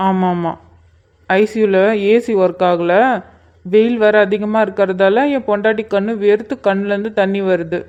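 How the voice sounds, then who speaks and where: A woman's voice: mid-range voice, fairly even intonation, moderate pace, darkish tone, muffled recording, lightly acted. A woman voicing a playful young husband in a cartoon, soothing his worried family from a hospital bed. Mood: reassuring. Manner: teasing, soothing. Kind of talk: cartoon voice acting.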